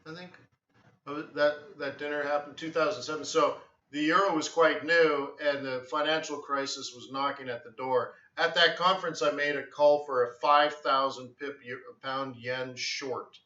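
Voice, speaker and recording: Guy rambling on a live trading stream, bright voice, echoey room, kinda far from the mic. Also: a little high, normal speed. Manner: rambling, storytelling, animated with acted quotes. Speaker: forex trading livestream host. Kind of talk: casual live-stream chat. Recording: roomy, distant, slightly dull sound.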